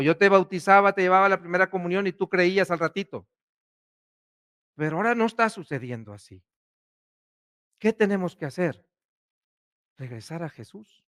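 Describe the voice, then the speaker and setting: Priest giving a sermon, fairly high voice, goes loud then drops way down quiet. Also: male voice. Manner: preaching with rhetorical questions, swinging between loud and hushed.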